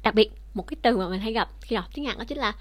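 A woman's voice: medium pitch, fast, dry recording. A woman teaching a language lesson online, explaining rules patiently and speaking directly to her viewers.

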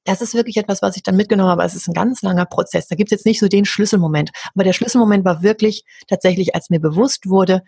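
Breathy woman, earnest and animated. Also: mid-range voice, fast, few pauses, no echo, clean studio sound. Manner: earnest, animated, acts out quoted voices. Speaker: interview guest, hypnosis practitioner. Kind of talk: candid conversational interview.

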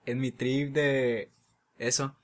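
A man's voice: medium pitch, flat delivery, slow. A young man with a Mexican Spanish accent, chatting casually and telling a story full of slang, often laughing. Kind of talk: casual chat.

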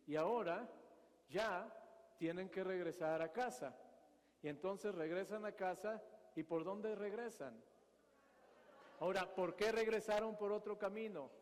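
A man's voice: sits high, a little slow, long pauses. A man giving a Bible teaching sermon, often asking his listeners questions and acting out the scene. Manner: asks the audience questions and acts out scenes. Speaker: preacher. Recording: long hall reverb.

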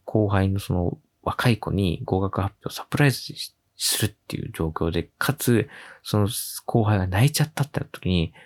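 A man hosting a casual solo radio show, telling a funny story with lively acted-out quotes and frequent laughs. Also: low voice, normal speed, few pauses. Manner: animated storytelling, acting out quoted voices with laughs. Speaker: podcast host.

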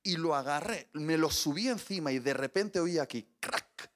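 A man preaching, with a bright, forceful voice pitched a little above the usual male range. He tells his sermon as a lively story, acting out the scenes and the other people in them. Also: normal speed.

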